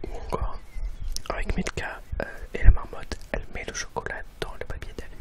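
An ASMR presenter whispering close to the microphone, right in the listener's ear, in a hesitant, halting way that often repeats words. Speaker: ASMR video maker and presenter. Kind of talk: whispered ASMR video talk.

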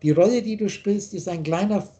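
His voice is high and mellow, running a little fast. He's an older man and spiritual teacher lecturing on a video call from home, insistent and gesturing heavily, with sound captured by the webcam.

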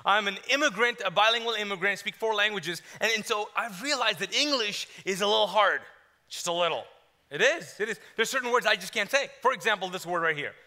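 Guy preaching at church, high voice, super bright and sharp, jokey storyteller. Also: brisk. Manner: lively joking storyteller, then hushed prayer. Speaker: guest preacher. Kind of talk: church sermon. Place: church service.

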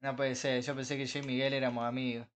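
A young man with an Argentine Rioplatense accent, chatting casually with his live-stream viewers while gaming, joking, swearing and breaking into frustrated shouts. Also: mid-range voice, flat delivery, fast, smooth. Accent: Argentine Rioplatense Spanish. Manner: banters with chat, swears, bursts into frustrated shouts.

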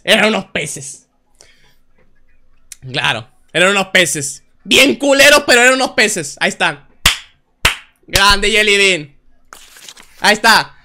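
A young man, hosting a drawing game on stream in a playful, teasing way, shouting out the answers. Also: high voice, background noise. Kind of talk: casual game-stream chat.

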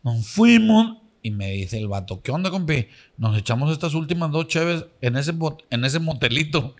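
Mexican guy doing stand-up, slangy, keeps jumping into squeaky high voices for the dialogue. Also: lively intonation, moderate pace. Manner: slangy, repeats a catchphrase, acts out dialogue with sudden high squeaky bursts. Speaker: comedian telling a joke. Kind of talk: stand-up joke telling.

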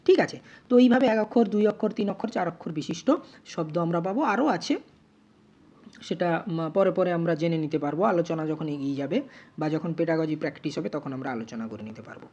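A woman teacher explaining grammar, spelling out words slowly syllable by syllable. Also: fairly low pitch, dark tone, husky, lo-fi sound. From West Bengal, India. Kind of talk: grammar lesson.

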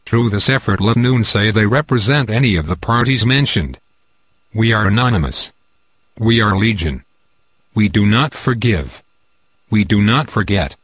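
A man speaking in a disguised deep voice, reading a scripted declaration as an anonymous spokesman in a flat, measured, impersonal way. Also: breathy edge, no room sound.

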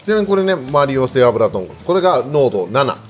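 A man with a Kansai accent talks casually as he eats with a companion. His delivery is quick and his pitch moves around in an animated way. He banters and laughs readily, with faint music behind him. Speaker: food challenge video co-host. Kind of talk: casual chat while eating ramen.

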